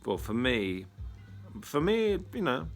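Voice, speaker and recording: A man's voice: mid-range voice, sing-song, slow pace, vocal fry, soft background music. A man, a retreat leader telling a story in a casual monologue, blunt, wry and full of swearing.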